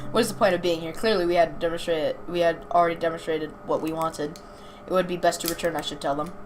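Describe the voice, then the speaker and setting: This young gaming video host talks fast in a steady, low-leaning voice, reading game text aloud and making informal, chatty comments while now and then tripping on words. The recording is amateur, made at home, and clearly noisy.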